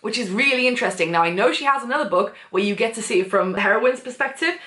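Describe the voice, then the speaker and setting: A woman recommends books in a loose, gushing chat, full of fillers, with her voice leaping up when she gets excited. Her voice sits a little high. The room around her adds a clear echo. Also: quick pace. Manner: gushing and chatty, full of fillers, big pitch swings. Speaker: book vlogger. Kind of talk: casual book recommendations. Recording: echoey room.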